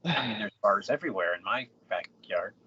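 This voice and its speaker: A man's voice: lowish voice, expressive, fairly quick, sharp tone, lo-fi sound, a little hiss or hum. A man co-hosting a movie podcast, laid-back and joking, with lots of filler words. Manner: laid-back, laughing, lots of "you know" and "like". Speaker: podcast co-host. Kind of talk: casual movie review chat.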